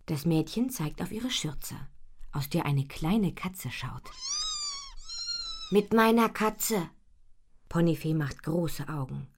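Woman narrator, children's storybook, slow, husky, lowish, lively melody. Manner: soft, measured storytelling.

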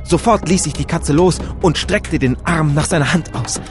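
A man reading a first-person story aloud in a dramatic, animated way, switching into voices for the characters. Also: on the high side, normal speed, over music. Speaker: audiobook reader.

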